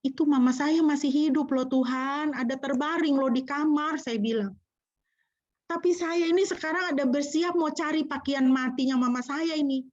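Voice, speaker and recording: A woman's voice: high voice, moderate pace, a little mellow, no echo, lo-fi sound. A middle-aged woman pastor from Indonesia preaching a sermon, telling a personal story and acting out the voices of people she quotes. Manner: storytelling, acting out quoted speech, emotional emphasis.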